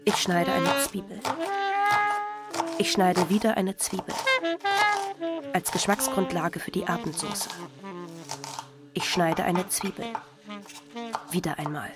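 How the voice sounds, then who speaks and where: A woman's voice: fairly low pitch, slow pace, pauses often, over loud music. An actress in a literary radio play voicing a dreamy, overworked woman who speaks reflectively.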